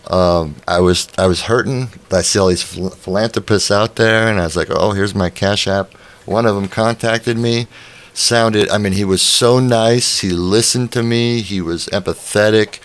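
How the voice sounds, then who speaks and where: Low-voiced guy hosting a stream, lots of ums, just chatting. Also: moderate pace. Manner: conversational, with frequent fillers. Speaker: stream host. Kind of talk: casual chat.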